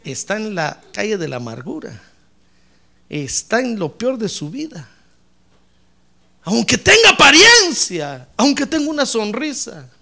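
Lively, high-voiced pastor preaching. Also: male voice, gravelly. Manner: animated preaching, acts out church members in put-on voices. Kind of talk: sermon.

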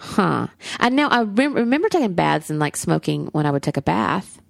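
Gravelly Southern woman podcaster. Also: lowish voice, sing-song, normal speed, no echo. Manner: rambling, swears casually, many fillers. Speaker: podcast co-host. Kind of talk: casual podcast chat.

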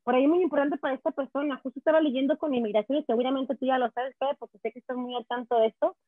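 A Mexican woman, a guest speaking on immigration, talking in a chatty, quick way over a call. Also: high-pitched, fairly even intonation, dry recording. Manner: fast, chatty, restarts words. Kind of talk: casual chat. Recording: tinny dry phone line.

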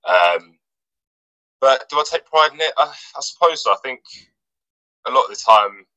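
The guest, an English footballer, has a mid-range male voice and speaks at a moderate pace in a casual interview. He's relaxed but hesitant, with many fillers and restarts, on a dry, muffled recording.

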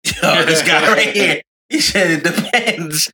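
A man co-hosting a casual group chat, animated and joking, quick to tease the others. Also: fairly high pitch, slight background noise. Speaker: podcast co-host.

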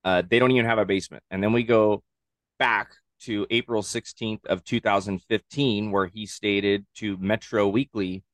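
A man's voice: fairly low pitch, steady tone, normal speed, dry recording. An easygoing man from Southern California co-hosting a podcast, chatting casually with slang and swearing. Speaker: podcast co-host. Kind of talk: casual chat.

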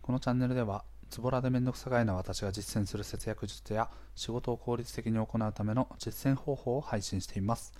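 Slightly hoarse man hosting an explainer talk. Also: mid-range voice, fairly even intonation, fast, hardly any pauses. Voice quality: hoarse, gravelly-sounding voice. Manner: conversational, explanatory, frequent soft interjections to the listener. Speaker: podcast host. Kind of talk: casual explainer talk to listeners.

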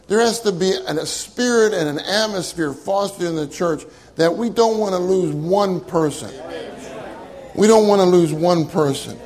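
High-voiced man preaching earnestly. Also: darkish tone, low-quality recording. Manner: earnest, emphatic, repeats key phrases. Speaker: minister. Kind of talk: sermon.

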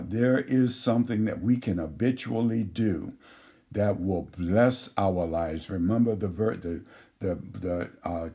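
A pastor preaches a sermon, reading scripture aloud and explaining it verse by verse. His voice is lowish and dark with a breathy edge, and his teaching is slow and measured with frequent restarts.

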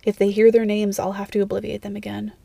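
A woman's voice: medium pitch, monotone, quick pace, creaky, warm tone, no echo. A woman voicing a guarded, scowling young male wizard who mutters curt replies in a fan fiction audiobook. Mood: irritated.

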